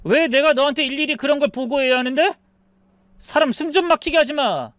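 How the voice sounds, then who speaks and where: A woman voicing a hot-tempered adult son who whines and yells in shrill, petulant outbursts. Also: brisk, no echo, close to an everyday voice. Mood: angry.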